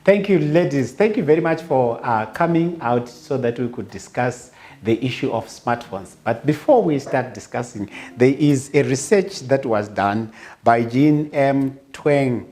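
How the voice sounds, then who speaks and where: A man, a pastor hosting a panel discussion, speaking in a measured way with pauses. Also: medium pitch, darkish tone. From Zimbabwe. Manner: slow, measured, with frequent "uh" pauses. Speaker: pastor hosting a parenting show.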